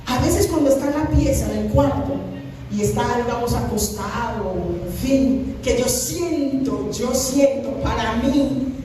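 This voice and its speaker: A woman's voice: on the high side, unhurried, warm tone, a little hiss or hum. A woman pastor preaching a sermon emphatically, now and then breaking into sung phrases. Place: church hall. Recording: echoey hall, mic at a distance.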